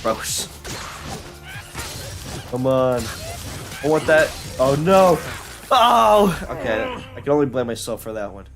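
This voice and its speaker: A young adult man streaming a video game, talking in an excitable, rambling way with many fillers and restarts as he plays. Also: mid-range voice, slow pace, pauses often, music in the background. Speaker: gaming streamer. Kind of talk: live gameplay commentary.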